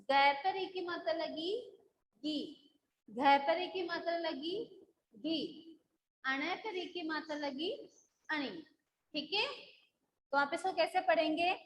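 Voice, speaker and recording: A woman's voice: very high-pitched, slow pace, pauses often, echoey room, slight background noise, rough recording. A woman school teacher taking a live online class, patiently drilling syllables and checking that the students follow.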